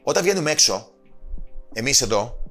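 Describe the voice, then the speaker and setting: A man's voice: medium pitch, big pitch swings, fairly bright tone, soft background music. A man guest on a casual podcast, talking passionately and emphatically, swearing freely and quoting people in changed voices. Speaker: podcast guest, personal trainer and author.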